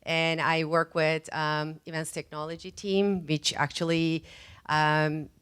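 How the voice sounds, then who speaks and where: A woman's voice: sits low, flat delivery, slow, a bit bright, clear, resonant tone. A woman in her forties from Turkey, telling her career story on a panel in a chatty way, with many fillers and light laughs, into a handheld mic. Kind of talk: casual personal story at a panel. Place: meetup event room.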